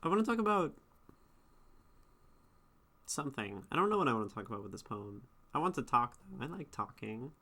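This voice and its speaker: This streamer and poetry critic has a sharp-toned, rumbling low voice that swings widely in pitch. She talks fairly fast but pauses often, casually reading and responding to her chat in a meandering, reflective way full of restarts.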